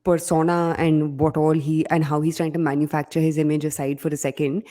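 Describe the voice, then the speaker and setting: A woman from India co-hosting a podcast, chatting casually about business news with emphatic, animated delivery and lots of fillers. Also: sits low, a little fast. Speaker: podcast co-host.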